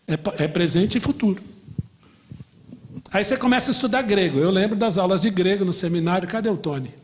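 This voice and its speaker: A man from Brazil, a middle-aged pastor, teaching a lively Bible class, asking the class questions and joking. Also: high-pitched, brisk, in a large hall, a little hiss or hum. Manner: animated, asks the class questions and jokes.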